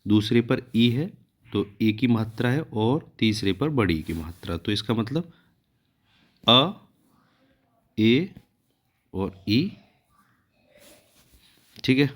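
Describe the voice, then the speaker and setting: This step-by-step shorthand lesson comes from a man whose voice is lowish and a little mellow, at a moderate pace. Patient throughout, he counts out every stroke while drawing it and checks understanding with a repeated "ठीक है".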